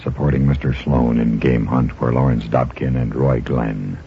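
A man's voice: rumbling low, steady tone, normal speed, slight background noise. A man announcing a radio series in a dramatic 1950s broadcast style. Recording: muffled vintage radio broadcast. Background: music.

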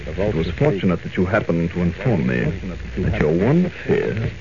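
An actor playing a sadistic, coldly menacing villain in a 1940s radio serial, taunting with deliberate mock courtesy. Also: male voice, sits low, sing-song, a crowd in the background. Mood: gloating menace. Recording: muffled old radio broadcast recording.

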